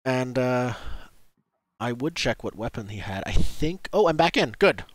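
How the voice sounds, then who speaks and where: Game master, a man with an unhurried, animated narration. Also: medium pitch, no echo.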